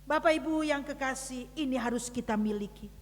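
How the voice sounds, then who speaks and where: A woman preacher giving a dramatic sermon to her congregation, telling a story with big swings from loud to hushed. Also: high-pitched, a little fast, big-room sound. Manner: addresses the congregation directly. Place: church service.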